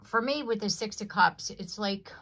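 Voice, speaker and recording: A woman's voice: mid-range voice, moderate pace, fairly bright tone. A woman reading tarot cards for an audience in a rambling, conversational way, often checking in with "you know what I mean.". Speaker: tarot reader. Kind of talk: casual collective tarot reading to camera.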